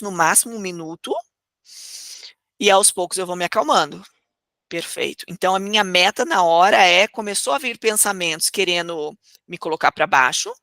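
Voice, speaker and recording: Brief: woman coach, expressive teaching, gravelly edge, close dry sound. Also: fairly low pitch, no echo. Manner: expressive, rhetorical questions, acts out inner thoughts. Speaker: emotional coach. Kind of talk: motivational teaching talk.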